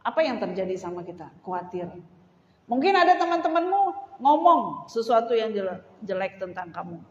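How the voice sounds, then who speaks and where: A woman pastor preaching a sermon in a lively way, often acting out the voices she quotes. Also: mid-range voice, normal speed. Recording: dull recording with long hall reverb.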